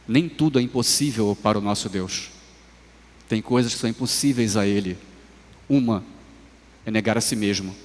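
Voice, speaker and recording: A man with a Brazilian Portuguese accent preaching a sermon in a church. He speaks slowly and measuredly, rising to emphatic swells and then dropping to soft, low phrases. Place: church sanctuary. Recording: livestream with long hall reverb.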